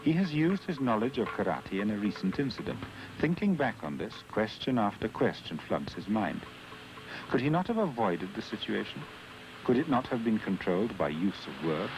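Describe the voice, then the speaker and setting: A man narrating a scripted documentary in a calm, measured, earnest manner. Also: lowish voice, background noise.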